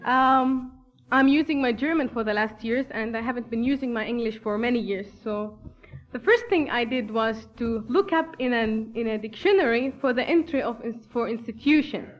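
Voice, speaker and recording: Speaking English with an Arabic accent, a Bethlehem woman whose native tongue is Arabic delivers an earnest, measured formal address to a church gathering in Palestine. Her voice sits fairly high, and the recording sounds muffled.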